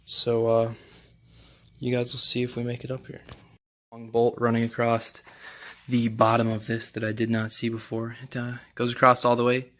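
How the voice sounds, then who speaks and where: Young male home mechanic, casual how-to talk, monotone, chatty and unhurried. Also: mid-range voice. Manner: relaxed, rambling, many fillers. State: out of breath. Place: home garage.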